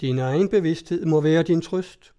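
A wise old greybeard who speaks calmly and consolingly, as a man reads him aloud. The voice is mellow and unhurried, fitting an old storybook character. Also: fairly high pitch, dull audio, natural voice. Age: older.

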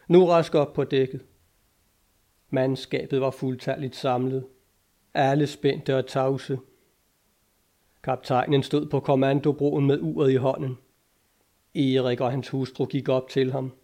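A man narrating an adventure audiobook in a measured, dramatic reading. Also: medium pitch, level tone, warm tone.

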